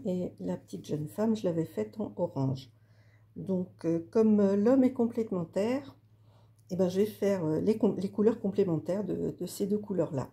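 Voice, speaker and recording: A woman's voice: on the low side, creaky, mellow. A woman hosting a casual craft video, talking through her work in a chatty, hesitant way with many fillers. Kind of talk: casual craft tutorial talk.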